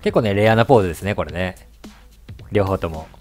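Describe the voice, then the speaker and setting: A man's voice: sits low, expressive, fast, faint music behind. A young man with a Hiroshima accent giving casual game commentary, chatty and thinking aloud, with frequent laughs. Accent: Hiroshima dialect.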